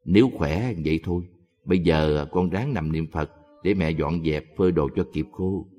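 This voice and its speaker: A man voicing a gentle devout old mother. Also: sits low, normal speed, voice pushed down, natural voice. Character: worried devout old mother, soft-spoken. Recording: long hall reverb.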